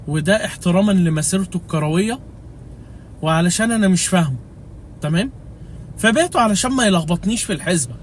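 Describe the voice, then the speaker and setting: A man's voice: high-pitched, fairly bright tone, a little hiss or hum. A young Egyptian man with an Egyptian accent, ranting comically about his fantasy football team in an exasperated, mock-pleading way. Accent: Egyptian Arabic. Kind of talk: comedic fantasy football rant.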